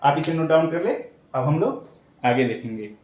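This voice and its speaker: A man's voice: fairly high pitch, lively intonation, moderate pace, darkish tone, slight background noise. A man teaching shorthand step by step, patiently asking questions and answering them himself. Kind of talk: step-by-step tutorial explanation. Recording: echoey room, voice from a distance.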